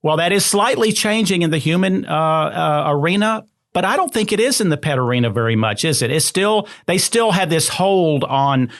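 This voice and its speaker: A man's voice: on the high side, animated, normal speed, hardly any pauses. A man hosting a podcast interview, talking in a rambling way with many fillers and restarts. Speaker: podcast host.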